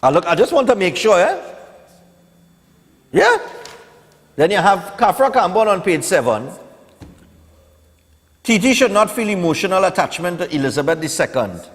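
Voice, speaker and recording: A Trinidadian man in his forties hosts a morning TV show, giving casual live talk and a newspaper review with a slightly high, very animated voice. He speaks at a moderate pace, pauses often, and shares his opinions conversationally, dropping "eh" and "you know" to check in with the listener. Long reverb makes him sound like he's in a hall.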